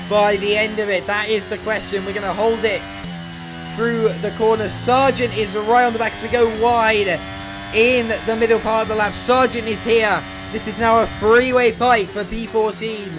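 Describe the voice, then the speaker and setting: Narrating each move of his racing game as it happens, a young gaming YouTuber sounds breathless and urgent in a high voice. Game music plays clearly beneath him, and the audio is poor.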